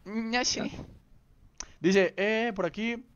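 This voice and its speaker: Slangy young man, higher voice. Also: fairly even intonation, drawn-out words, fairly bright tone, clean tone, highs cut off. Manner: slangy, teasing, greets viewers by name. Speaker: game streamer. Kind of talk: casual live-stream chat.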